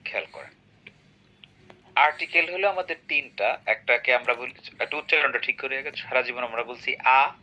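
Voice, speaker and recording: A man's voice: mid-range voice, normal speed, bright, forceful tone. A man teaching an English grammar lesson, often checking on his student with short tag questions. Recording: dull lo-fi recording.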